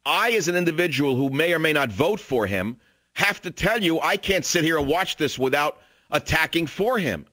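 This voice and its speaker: A man's voice: on the high side, lively intonation, normal speed, bright, forceful tone, no echo. Indignant older man ranting on talk radio. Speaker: radio talk show host. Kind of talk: talk radio monologue and call-in.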